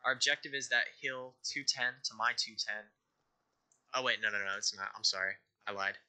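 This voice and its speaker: A man with a very bright, sharp voice leads his squad through a multiplayer game, calling out directions and bearings. He talks casually and corrects himself on the fly. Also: medium pitch, steady tone, moderate pace. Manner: giving directions, self-correcting. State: hiccups. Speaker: squad leader. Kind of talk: casual game chat over voice comms.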